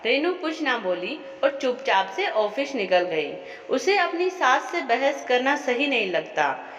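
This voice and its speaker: A woman narrating a scripted family story as the storyteller, with measured, expressive delivery. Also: sits high, soft background music. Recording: echoey, dull lo-fi room.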